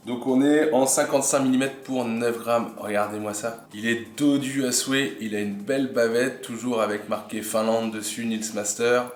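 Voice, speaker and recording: A man hosting a casual unboxing vlog, chatting admiringly about what he shows and often dropping to a soft murmur. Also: mid-range voice. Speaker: fishing channel host. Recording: echoey room with faint music.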